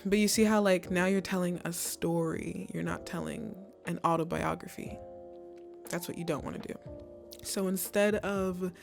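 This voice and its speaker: Young woman rambling essay advice, lots of likes, kinda gravelly voice. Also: fairly low pitch, steady tone, normal speed, soft background music. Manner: chatty, many "like"s and restarts. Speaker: college essay advice vlogger. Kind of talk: casual advice talk to camera.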